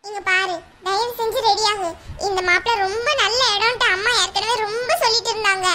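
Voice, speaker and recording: A woman voicing a gentle older sister in a cartoon, soft and pleading. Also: very high-pitched, fairly even intonation, fairly quick, slight background noise. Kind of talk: cartoon voice acting.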